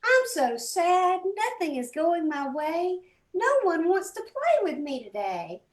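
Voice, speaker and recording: A high, animated storybook alligator, acted out by a woman, lonely and given to exclaiming. The words come slowly and the pitch swings widely, in a roomy echo. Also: far from the mic, exaggerated voice. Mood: sad, mopey. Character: sad, lonely alligator in a children's picture book. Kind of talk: children's read-aloud.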